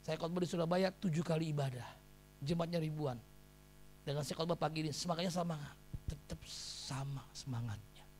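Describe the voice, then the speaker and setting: A middle-aged male pastor preaching a sermon, dropping to quiet confiding tones and rising to loud shouted exhortation. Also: fairly high pitch, steady tone, quick pace, slight background noise.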